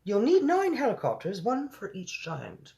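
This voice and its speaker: Reader putting on a high, brisk, commanding Queen. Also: huge pitch swings, vocal fry, a little mellow, full character voice. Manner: brisk, regal, giving orders. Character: tactful, commanding, sensible Queen, adult woman.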